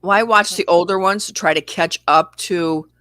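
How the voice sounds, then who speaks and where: A livestream host with a bright, forceful voice, talking in a candid, rambling way. The sound is dry and close, with no room around it. Viewer comments get read out between thoughts. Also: mid-range voice, steady tone, normal speed, no echo. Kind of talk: casual spiritual chat.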